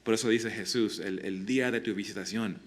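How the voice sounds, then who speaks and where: A man's voice: lowish voice, steady tone. Earnest Spanish-speaking male pastor preaching. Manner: earnest, halting, many restarts and repetitions; asks the congregation direct questions. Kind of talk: sermon.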